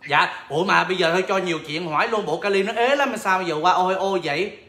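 A man hosting a lively sales livestream, playful and laughing often as he teases callers. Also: sits high, fast talker, echoey room. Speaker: livestream seller and host. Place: home, in Chicago.

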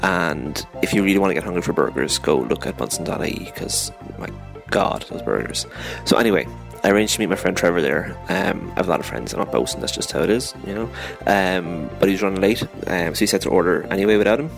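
A man's voice: low-pitched, fast talker, creaky, few pauses, over music. A man, a podcast host, reading a chatty, self-mocking sponsor spot that he recorded on a phone dictaphone app away from the studio. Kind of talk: casual read sponsor spot. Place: home in Waterford, not the studio.

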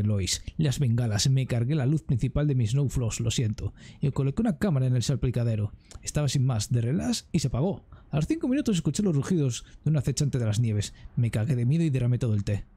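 A man's voice: mid-range voice, warm tone, husky. A man reading out a stranded woman survivor's chatty, self-deprecating diary log.

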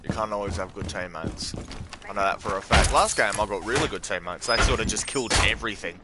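Australian man, gamer commentary, lower-pitched, swears a lot, game gunfire noise behind. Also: quick pace. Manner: swears often, joking banter with teammates. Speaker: gaming streamer. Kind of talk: casual live gameplay commentary. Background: game gunfire and effects.

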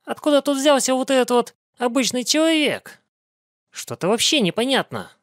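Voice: high voice, very animated, normal speed, a bit bright, no echo, studio quality. A reaction show host giving casual, colloquial commentary in an incredulous manner. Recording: cartoon music behind the voice.

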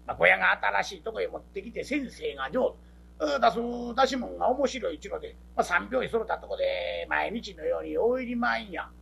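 Lively Kansai comic storyteller, gravelly. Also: male voice, high voice. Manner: lively, quick character switches. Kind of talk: traditional comic storytelling, all roles by one performer.

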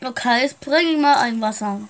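A woman's voice: fairly high pitch, fairly quick, slight background noise. A woman playing a shopkeeper in a casual game roleplay, chatting straight to her viewers. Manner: chatty, keeps addressing viewers.

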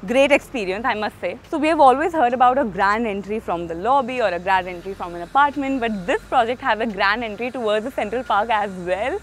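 A woman's voice: a little high, fairly quick, hardly any pauses, slight background noise. A young woman presenting an upbeat walkthrough tour of a residential complex, speaking with enthusiastic, sales-minded energy on a lapel mic outdoors. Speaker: real estate presenter.

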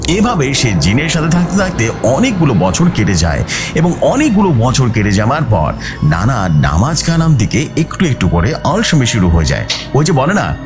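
Dramatically telling a scripted horror story, this channel host lingers on key words to heighten the tension while music plays behind him. He speaks at normal speed in a medium pitch that swoops wildly.

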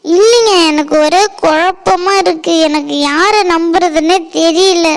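A suspicious village mother from a family cartoon, voiced by a woman, with a high voice. She scolds the people around her and keeps repeating herself when she is confused. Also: unhurried, vocal fry, full character voice. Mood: scolding. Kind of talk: Tamil cartoon voice acting.

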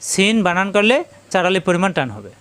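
A man's voice: sits high, very animated, fast, fairly bright tone, smooth, no echo. A man teaching Quran letter pronunciation, spelling each letter out and repeating it for his students. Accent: Bangladeshi Bengali. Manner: addresses students directly.

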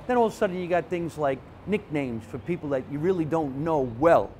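A man, a comedian telling animated stories from his childhood in a casual interview. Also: on the high side, a little fast, slight background noise. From Jersey City, New Jersey. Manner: animated, chatty storyteller with frequent restarts. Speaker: comedian, guest.

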